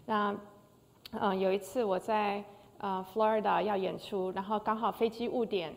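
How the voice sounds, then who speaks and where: A woman's voice: mid-range voice, fairly even intonation, normal speed, vocal fry. An older woman, a concert pianist, giving an emotional personal testimony with frequent hesitations. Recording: long hall reverb.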